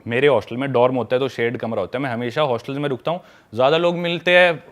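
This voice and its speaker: A man on a podcast telling a travel story in a casual, lively way, slipping English words into his speech and acting out what people said. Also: medium pitch, fast. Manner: animated storyteller who acts out quoted dialogue; mixes English words into Hindi.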